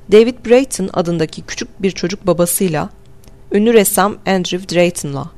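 A woman narrates a novel in a steady, measured voice. Her pitch sits in the middle range. She reads the story for an audiobook. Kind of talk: scripted narration.

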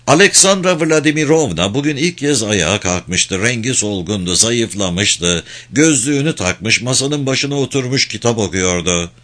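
A male audiobook narrator reading a novel at a measured, steady pace. His voice sits in a middle register. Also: medium pitch.

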